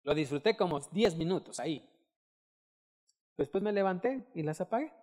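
A middle-aged man preaching a sermon, animated, acting out quotes and breaking into loud shouted bursts. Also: high voice, normal speed. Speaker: pastor. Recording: long hall reverb.

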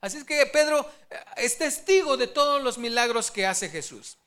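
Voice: high-pitched, animated, moderate pace, a bit bright, clean tone. A preacher giving a sermon, telling the story with animation and acting out the quotes.

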